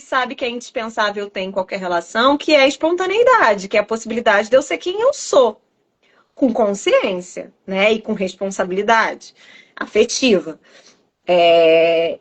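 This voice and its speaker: Woman psychologist, mom, kinda high voice, chatty podcast style, tells stories acting out who said what. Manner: lively storyteller who acts out remembered exchanges. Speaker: psychologist and mother. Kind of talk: casual podcast conversation.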